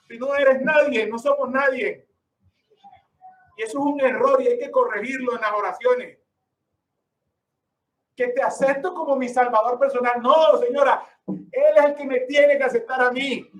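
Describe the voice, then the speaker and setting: A man's voice: very high voice, reverberant, distant mic, muffled recording. A man preaching a sermon with emphasis, asking rhetorical questions and calling the listeners brother.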